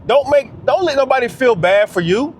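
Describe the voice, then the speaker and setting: A man's voice: very high-pitched, lively intonation, normal speed, slight background noise. A man talking straight to camera in a casual vlog, emphatic and slangy, repeating his phrases for weight. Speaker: vlogger.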